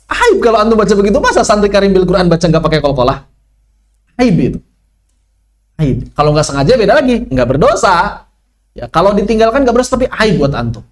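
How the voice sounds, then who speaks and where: A man's voice: high-pitched, very animated, a little fast. A man teaching Quran recitation rules in an online lesson, asking questions and answering them himself.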